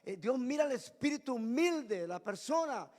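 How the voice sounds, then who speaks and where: A man preaching a Pentecostal sermon as pastor in a church sanctuary. He swings between booming shouts and low, intense murmurs. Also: big pitch swings, normal speed. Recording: long reverb of a church hall.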